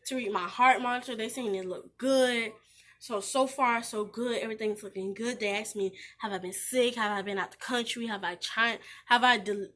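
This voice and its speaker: A woman vlogger with a high, bright voice tells a story to her viewers. She talks in an animated, breathless rush, restarting sentences and addressing her audience directly. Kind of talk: casual storytelling to camera.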